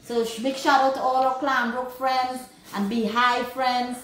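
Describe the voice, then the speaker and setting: Chatty woman, slightly high voice. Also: little pitch movement, a little slow, fairly bright tone. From Guyana. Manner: chatty, greets viewers by place. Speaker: cooking vlog host. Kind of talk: live-stream cooking chat. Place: home kitchen. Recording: roomy kitchen echo.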